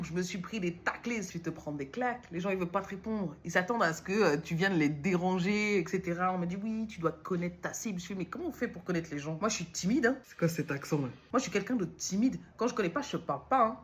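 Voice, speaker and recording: A woman from Lyon, France, with a lowish voice talks fast, barely pausing. Speaking casually to camera as a vlogger and new entrepreneur, she rambles from topic to topic and pokes fun at herself.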